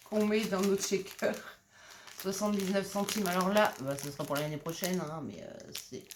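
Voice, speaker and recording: A woman's voice: medium pitch, steady tone, moderate pace, noisy background. A middle-aged woman from France casually showing off a craft-supply haul, hesitating with many fillers and repeated words as she handles each item. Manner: hesitant, full of "euh" and repeated words while showing items. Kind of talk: casual show-and-tell haul chat. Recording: clear crinkling of packaging and clicks.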